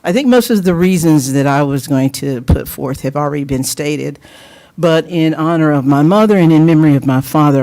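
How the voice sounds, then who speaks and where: An older woman from North Carolina giving an earnest, measured public comment at a council hearing, with a little wry humor. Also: deep voice, mellow. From Lenoir, North Carolina. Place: city council chambers.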